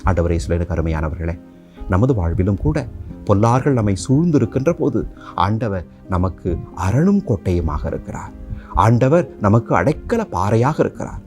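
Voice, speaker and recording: A man's voice: lowish voice, very animated, moderate pace, a little mellow, faint music behind. A man giving a reflective sermon on a psalm, then leading a prayer in a rhythmic, repetitive cadence.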